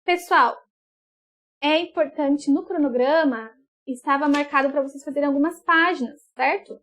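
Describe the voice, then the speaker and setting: Woman teacher, high bright voice, slow and patient, drags out words, checks that the pupils follow. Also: slight background noise. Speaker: school teacher. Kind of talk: remote class explanation.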